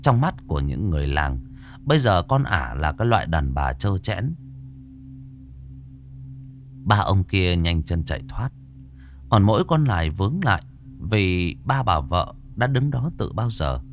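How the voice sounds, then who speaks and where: Low-voiced, dramatic ghost story narrator, a man. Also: very animated, moderate pace. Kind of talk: scripted horror story narration.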